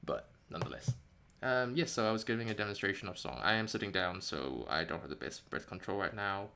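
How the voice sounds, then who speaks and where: With a light New Zealand accent, a man streaming his indie game devlog talks in a rambling, wry, casual way, frequently correcting himself. His on-the-low-side voice is brisk, creaky, and sharp in tone, with lively intonation, and a slight hiss or hum is audible.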